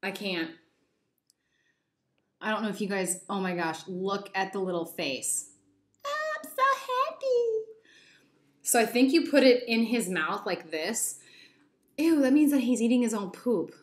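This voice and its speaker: A woman's voice: medium pitch, moderate pace. A young woman chatting through a toy unboxing, giddy and rambling with lots of little asides. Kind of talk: casual unboxing chat. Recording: echoey room.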